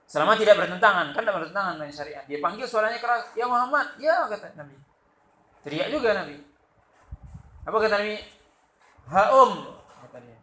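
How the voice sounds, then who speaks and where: A man from Sumatra with a Sumatran Indonesian accent, giving a loud, lively religious lecture and acting out the quotes in his stories. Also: high voice, fast, long pauses. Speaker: religious teacher. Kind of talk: study-circle lecture. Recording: echoey room with faint background noise.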